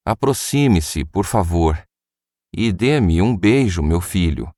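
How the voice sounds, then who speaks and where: Isaac, voiced by a man reading scripture, an aging father speaking blessings with grave, solemn weight. The voice sits low and moves slowly, recorded dry and close. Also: expressive, mellow, no room sound. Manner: solemn, measured.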